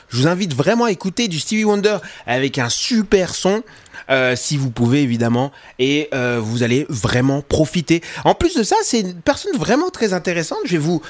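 A man hosting a music radio show, talking casually and often pausing with filler sounds into a studio microphone. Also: a little high. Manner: hesitant, full of filler sounds. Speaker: radio host.

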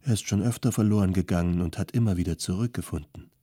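A man reading an audiobook and voicing a poor, humble old man who speaks modestly and gently. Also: sits low, fast talker, slightly rough, no echo, studio quality.

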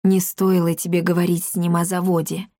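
A woman voicing a calm, concerned grown woman in a storybook reading. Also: fairly low pitch, brisk, dry recording, clean studio sound. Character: worried thoughtful grown woman.

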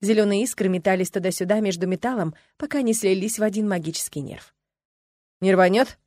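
A woman's voice: medium pitch, fast, dark tone, dry recording. Woman narrating an audiobook, dry sound. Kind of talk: first-person audiobook narration.

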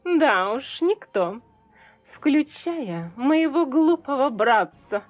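A woman voicing a spiteful, cackling evil fairy queen who draws out her mocking threats slowly and loudly. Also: high voice, expressive, no room sound, faint music behind, voice pushed up. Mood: spiteful gloating. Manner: slow, drawn-out, mocking threats.

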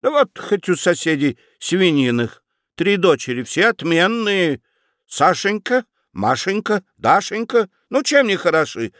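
A man's voice: high voice, sing-song, measured pace, a bit bright, dry recording, clean studio sound, voice pushed up, heavily acted. A man voicing a plain-spoken, practical old aunt with a folksy, soothing manner. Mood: coaxing.

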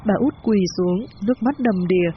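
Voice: medium pitch, brisk, slight background noise. A storyteller narrating a horror story in a tense, vivid manner. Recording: muffled recording with loud music bed.

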